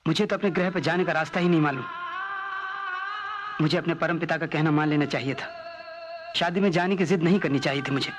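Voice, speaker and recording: A man's voice: fairly high pitch, fairly quick, long pauses, music in the background, lightly acted. Man playing a blunt, naive visitor from another planet. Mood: worried. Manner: sing-song chanting, blunt mocking insults. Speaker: alien visitor held prisoner. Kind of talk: 1990s Hindi film dialogue.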